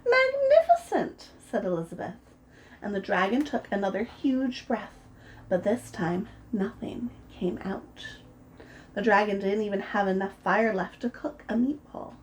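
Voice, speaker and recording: A woman reading a children's picture book aloud, gentle and expressive as a preschool storyteller. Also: mid-range voice, measured pace, a little hiss or hum, rough recording. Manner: gentle and expressive, voices the characters.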